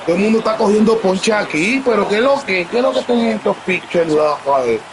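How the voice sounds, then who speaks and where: A man giving excited live commentary as he streams a baseball video game, bursting into shouts and talking to his viewers. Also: high-pitched, fairly quick. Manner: talks to his audience. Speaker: gaming streamer. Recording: loud stadium crowd noise from the game. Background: video game crowd sound.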